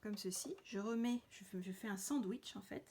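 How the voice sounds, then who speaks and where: This crafting tutorial host walks through making a card in a relaxed way, talking as she goes with frequent hesitations and fillers. She has a medium-pitched voice at a moderate pace, with background noise present.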